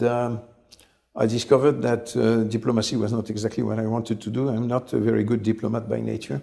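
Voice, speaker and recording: This interview guest is a company head from France, a man in his sixties whose voice is mid-pitched, gravelly and a touch creaky. Measured and thoughtful, he tells his story with frequent short stops as he searches for words.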